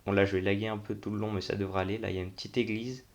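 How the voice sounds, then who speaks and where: A man's voice: lowish voice, flat delivery, racing. A young man giving casual, unscripted commentary on a game tour, thinking aloud in informal, slangy language. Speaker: gaming video host.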